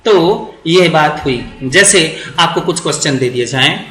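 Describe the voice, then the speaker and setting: A man teaching English grammar for exam prep, repeating words slowly to drill pronunciation. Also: fairly high pitch, lively intonation, bright, forceful tone, reverberant, low-quality recording.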